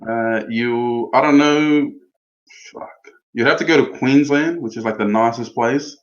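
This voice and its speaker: A man's voice: medium pitch, a little slow, highs cut off. A young man from Australia with an Australian accent, a guest who rambles with lots of fillers and laughs often. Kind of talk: casual chat.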